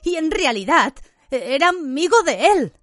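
A woman's voice: a little high, big pitch swings, normal speed, dry recording, clean studio sound. Harry: a woman voicing an angry, betrayed teenage boy. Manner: raised, breaking shouts. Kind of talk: audiobook character reading.

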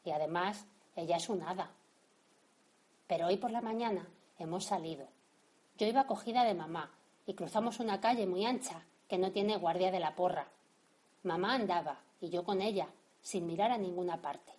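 A woman with a Spain Spanish accent hosting a storytelling podcast, reading softly and intimately with a husky voice. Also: on the low side, normal speed. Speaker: podcast host and story reader.

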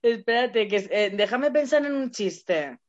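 A woman's voice: a little high, lively intonation, measured pace. A woman who is a guest on a casual game show, giggly and self-deprecating. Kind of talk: casual chat. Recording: dull lo-fi sound.

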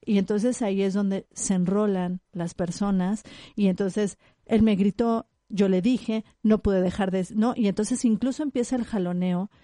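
A woman's voice: medium pitch, moderate pace, dry recording, studio quality. A woman, a specialist guest explaining her topic and acting out short examples as she talks. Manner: animated, explains with acted-out examples. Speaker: psychologist guest. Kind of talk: conversational expert interview.

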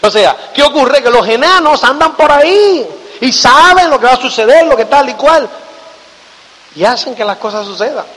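A man giving a motivational talk to an audience, animated, often checking whether listeners follow him. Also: extremely high pitch, moderate pace. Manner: animated, keeps asking "do you get it?" tag questions. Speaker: motivational speaker. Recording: echoey hall reverb.

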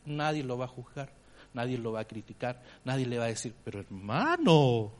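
A man with a Chilean accent preaching a sermon as pastor, swinging between loud emphatic phrases and hushed ones. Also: medium pitch, fairly even intonation, brisk.

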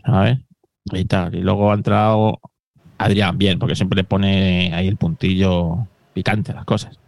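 A man's voice: deep voice, flat delivery, vocal fry, dry recording. A man co-hosting a casual tech chat, arguing back with jokes. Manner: joking banter, quick to argue back. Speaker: co-host.

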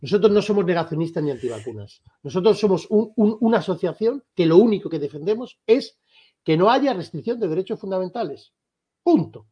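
A man, a lawyer for an association, answers interview questions in a firm, emphatic, insistent way with a husky voice. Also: sits high, very animated, a little fast, warm tone. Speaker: lawyer for a civil rights association.

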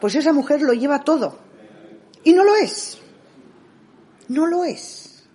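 A middle-aged woman, an interview guest, telling stories in a lively way and acting out what people said. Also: sits high, takes it slowly. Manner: animated storyteller who acts out dialogue. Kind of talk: conversational interview.

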